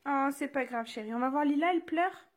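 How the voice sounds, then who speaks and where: She's a young mom and vlogger speaking briskly in a high voice while filming on her phone in her child's bedroom. The talk is casual and filler-heavy, becoming sing-song when she turns to her little children.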